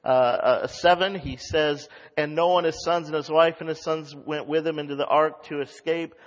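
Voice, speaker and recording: Male pastor, pulpit microphone, church sanctuary with long reverb, reads scripture and explains it, higher voice. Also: fairly even intonation, moderate pace, dull audio. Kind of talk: expository sermon.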